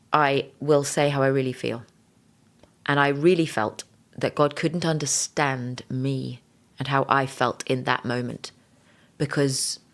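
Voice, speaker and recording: A woman podcast host and singer-songwriter telling an earnest, openly emotional faith story, restarting her sentences often. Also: rumbling low. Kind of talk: personal faith testimony.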